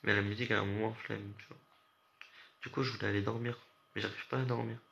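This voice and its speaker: Streamer, young guy from France, low voice, sleepless and rambling with slang, dull lo-fi stream audio. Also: flat delivery, quick pace, creaky, fairly bright tone. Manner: rambling, slangy, talks straight to chat. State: sleep-deprived. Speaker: gaming streamer chatting with viewers. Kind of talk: casual late-night stream chat. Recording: muffled lo-fi audio with faint hiss.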